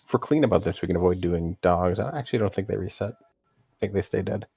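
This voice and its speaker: A man's voice: sits low, fast, creaky, a little mellow, breathy edge, no echo. A man calling out raid moves in gaming voice chat, giving short commands and thinking aloud.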